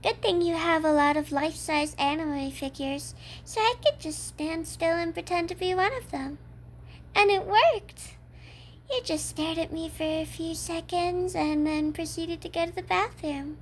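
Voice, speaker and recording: In an ASMR role-play, a woman with an extremely high voice plays a cheerful, obsessive yandere kidnapper, speaking at a measured pace over slight background noise. She addresses the listener as her captive, coy, matter-of-fact and fond.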